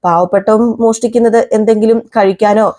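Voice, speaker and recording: A proud young working-class driver with a mellow, warm voice, as a woman reads his lines. He speaks with indignant defiance, and his lines are told as a recap of a television serial. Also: mid-range voice, fairly even intonation, fast, lightly acted. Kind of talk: retelling a serial scene.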